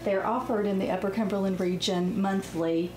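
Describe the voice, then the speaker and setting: A woman foster care team leader guesting on a local TV talk show, briskly laying out requirements. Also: medium pitch, fairly even intonation, music in the background. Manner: brisk, informative. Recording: echoey room with background noise.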